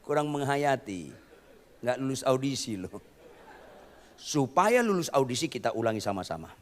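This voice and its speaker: A man preaching a sermon, swinging from quiet asides to shouted lines and teasing the congregation in casual slang. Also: mid-range voice, big pitch swings, moderate pace, long reverb tail. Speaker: pastor.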